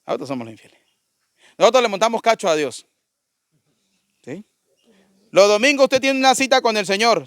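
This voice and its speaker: A priest preaching a conversational sermon, often putting questions to the congregation. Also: male voice, high voice, fairly bright tone, clean tone, no echo, studio quality.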